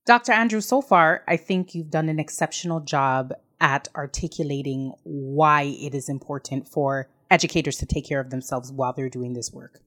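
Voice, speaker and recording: A woman interviewer posing a formal, measured question to her guest. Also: low-pitched, a bit bright.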